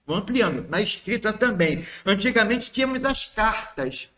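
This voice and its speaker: A man's voice: high voice, animated, bright, forceful tone, reverberant. A Brazilian man giving an informal spiritist lecture, chatty and full of questions and asides to his listeners. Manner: conversational, asks the audience questions, asides and quick quips.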